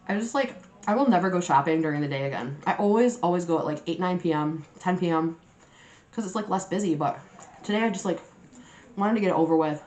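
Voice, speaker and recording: A woman's voice: lowish voice, animated, brisk, long pauses, darkish tone. A woman hosting a mukbang, chatting casually and slangily to viewers as she eats. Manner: eating messily while talking, mukbang style; sweary, slangy storytelling with acted-out quotes. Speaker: mukbang video host. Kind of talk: casual chat to viewers while eating.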